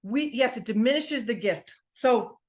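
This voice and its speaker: A woman giving an energetic, emphatic motivational talk on a group call, asking her listeners questions. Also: fairly high pitch, a little slow. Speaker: motivational speaker.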